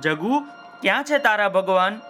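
A loving old grandmother, as a man puts her on, tender and affectionate in a high voice. It is a children's storybook telling with soft music faintly behind. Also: lively intonation, moderate pace.

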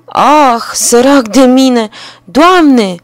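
A woman's voice: mid-range voice, no room sound, close to an everyday voice. A woman voicing a ruined, angry peasant carter who wails over his losses in a storybook reading. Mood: lamenting. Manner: wailing laments, loud.

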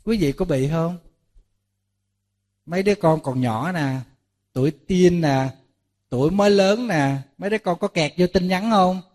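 Lively monk preaching. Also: male voice, sits high, measured pace, pauses often. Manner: lively storytelling, acting out dialogues with listeners; rhetorical questions to the audience. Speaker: Buddhist monk giving a dharma talk. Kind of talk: sermon to a lay audience.

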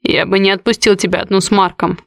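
A woman reading the lines of a brooding, harsh young man in an audiobook, in a low, curt, growling voice. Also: steady tone, fast talker, vocal fry, dry recording, clean studio sound, close to an everyday voice. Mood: heavy.

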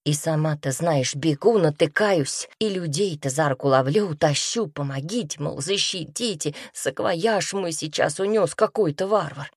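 A woman's voice: sits low, a little slow, hardly any pauses, slightly rough, no echo, studio quality. A woman performing a first-person folk tale aloud in a chatty, folksy storyteller's manner, acting out the quoted voices. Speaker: reader.

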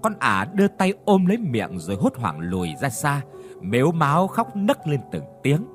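A man's voice: a little high, wildly swooping pitch, normal speed, soft background music. A man narrating a horror story with dramatic delivery. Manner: dramatic, voices characters' cries.

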